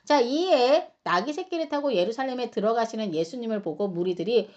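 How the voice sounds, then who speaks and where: A woman teaching a Bible study lesson in an animated, chatty storytelling manner, acting out quotes and speaking to her listeners in asides. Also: a little high, a little fast, dull audio.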